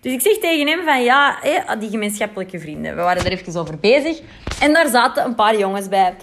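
A woman's voice: a little high, sing-song, fairly quick, a little hiss or hum. A Flemish woman in her thirties from Belgium, chatting animatedly to her viewers in a casual storytime, with asides to them. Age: 30s. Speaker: vlogger telling a dating story.

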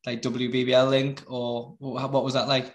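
A man's voice: medium pitch, flat delivery, moderate pace, vocal fry, roomy sound. A man interviewing casually, with hesitant questions full of "kind of". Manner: hesitant, many "kind of" fillers.

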